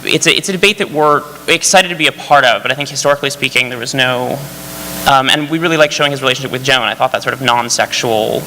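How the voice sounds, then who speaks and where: A male screenwriter talks eagerly on a festival panel and rambles through fillers and restarts. His voice is bright and forward. A long hall reverb and a faint hum surround him. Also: mid-range voice, fast. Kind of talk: panel discussion.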